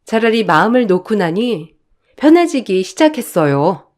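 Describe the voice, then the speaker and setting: A woman's voice: medium pitch, sing-song, normal speed, darkish tone. A woman in her thirties narrating a first-person story in a resentful, determined tone.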